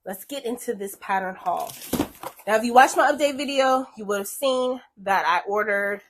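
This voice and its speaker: Woman, sewing vlogger, casual chatty delivery, fairly high voice, breathy and stuffy-nosed. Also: moderate pace, noisy background. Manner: chatty, upbeat, talks to viewers as friends. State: out of breath and congested. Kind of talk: casual chat to camera.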